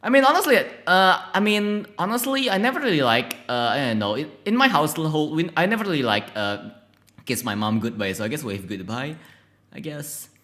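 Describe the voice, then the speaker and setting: Casting: male game streamer, lively pitch, bright tone, stumbles and swears while reading. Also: a little fast. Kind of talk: playing and reading a text horror game aloud.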